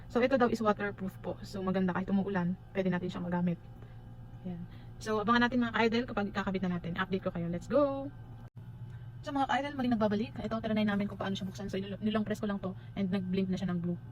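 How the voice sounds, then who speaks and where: A Filipino woman vlogger chats casually and quickly to viewers in an unboxing and review style, switching informally between Tagalog and English. Her voice is medium-pitched, and the recording has its highs cut off.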